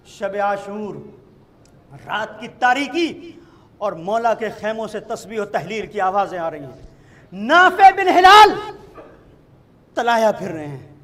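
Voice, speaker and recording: High-voiced preacher with soaring cries. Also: male voice, a little hiss or hum. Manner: dramatic storytelling, swinging from hushed to wailing cries; recites Arabic quotations in slow chanted tones. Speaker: Shia cleric giving a Muharram majlis. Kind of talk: sermon.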